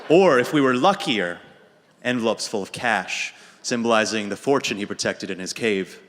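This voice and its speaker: A young American man telling a dry, deadpan comic story about himself on a radio show. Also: lowish voice, moderate pace. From United States. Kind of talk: humorous personal monologue. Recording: reverberant hall.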